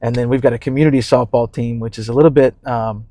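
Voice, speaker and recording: A man's voice: medium pitch, fairly even intonation, quick pace, warm tone, dry recording. Easygoing man from New Orleans, dry sound. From New Orleans, Louisiana. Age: over 35. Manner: easygoing, repeats words while thinking, many fillers. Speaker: community development manager for a baseball team. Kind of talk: casual podcast conversation.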